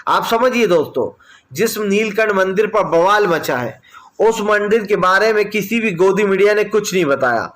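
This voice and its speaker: A man's voice: high-pitched, lively intonation, normal speed, fairly bright tone. A man delivering opinionated political news commentary, addressing viewers directly as friends in an argumentative, insistent way.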